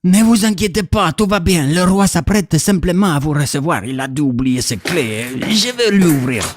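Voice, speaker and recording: A man voicing a fussy male inventor, excitable and sprinkling in words, in a comedic radio play. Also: a little high, normal speed, faint music behind, pitched below the performer's own voice. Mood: covering up. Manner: excitable, peppers speech with Italian words. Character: fussy Italian male inventor, anxious servant.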